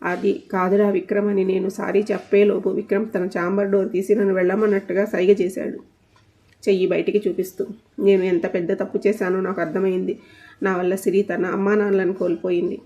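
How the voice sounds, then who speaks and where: A woman narrating a first-person audio story in an even, steady reading voice. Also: medium pitch, a little fast. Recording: dull lo-fi recording.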